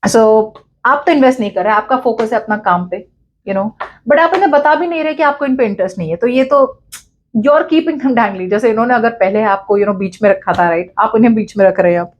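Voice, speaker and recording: A woman's voice: on the high side, a little fast, dull audio. A woman giving a casual tarot reading in mixed Hindi and English, talking directly and emphatically to the listener and acting out quoted lines. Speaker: tarot reader.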